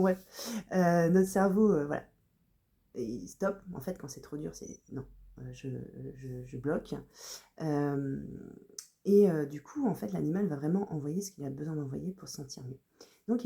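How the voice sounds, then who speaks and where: A woman working as an animal communicator, explaining her practice to viewers in a loose, unhurried way with frequent hesitations. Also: deep voice, vocal fry, dark tone. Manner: unhurried, loose talk full of "voilà" and hesitations.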